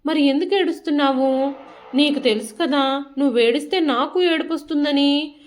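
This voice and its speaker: A woman's voice: high-pitched, normal speed, natural voice. A woman voicing a loving older grandmother who talks in a coaxing, tender way, in a storybook reading.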